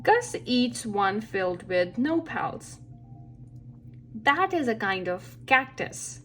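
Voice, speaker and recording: With soft music playing in the background, a woman whose voice sits a little high narrates a children's picture book, shaping each phrase expressively and deliberately for young ears.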